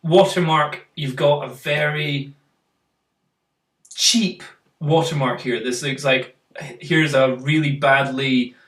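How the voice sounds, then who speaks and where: A man's voice: a little high, fairly even intonation, slow pace, a bit bright. A man hosting a casual photo critique, talking through pictures and quizzing his co-host. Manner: chatty, uses fillers, quizzes co-host. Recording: roomy, mic at a distance.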